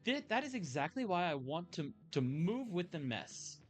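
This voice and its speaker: A man's voice: high-pitched, sing-song, moderate pace, faint music behind, pitched above the performer's own voice. A man voicing an earnest young woman café manager, reading game dialogue aloud in a heartfelt way. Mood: relieved.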